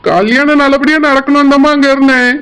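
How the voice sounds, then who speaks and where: A man's voice: very high voice, steady tone, fairly quick, a bit bright, rough recording. A man playing a fearful middle-aged husband, pleading in a comedy sketch.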